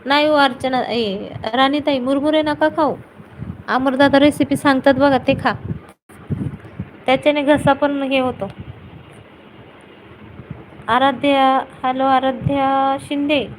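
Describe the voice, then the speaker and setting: A woman's voice: high voice, fairly even intonation, measured pace, pauses often, a little hiss or hum, low-quality recording. A woman hosting a casual live stream, greeting viewers by name and teasing them playfully.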